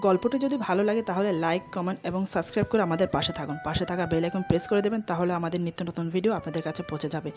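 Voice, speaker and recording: Brief: female storyteller, steady scripted narration, soft background music, a bit muffled. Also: lowish voice, fast, few pauses. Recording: slightly dull, soft music behind.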